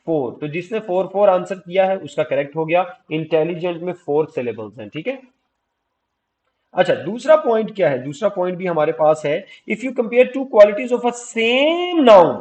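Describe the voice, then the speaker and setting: A man from Pakistan with a Pakistani accent, teaching English grammar in an exam-prep lecture. He spells words out letter by letter, calls his students "beta" and reads the English rules slowly. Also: high voice, darkish tone, highs cut off.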